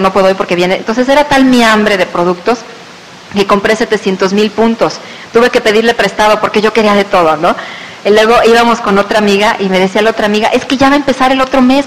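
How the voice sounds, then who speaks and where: Mexican woman, storyteller type, acts out the voices in her anecdotes; hall echo, faint hiss. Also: mid-range voice. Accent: Mexican Spanish. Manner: lively storyteller who acts out quoted voices. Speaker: speaker sharing a business testimony. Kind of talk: personal testimony told to an audience.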